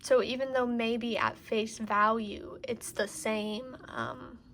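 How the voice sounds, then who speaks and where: Higher-voiced woman chatting in the wind. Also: steady tone, slow, a bit bright. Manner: gushing, rambling with many 'like' asides. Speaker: tarot deck collector showing cards to camera. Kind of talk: casual chatty show-and-tell vlog. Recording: windy outdoor-like background noise. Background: wind noise.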